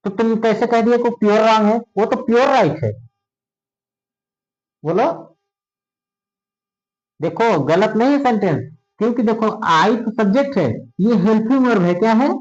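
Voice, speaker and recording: Male grammar teacher, high voice, muffled lo-fi recording, keeps checking the class follows. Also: normal speed, long pauses. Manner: checks often if students understand. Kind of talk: classroom lesson. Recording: dull lo-fi sound.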